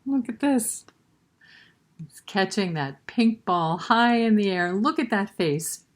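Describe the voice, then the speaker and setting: A woman hosts a library storytime, reading a picture book aloud and chatting with young children, asking them questions. Her voice is medium-pitched and slow, with lively intonation.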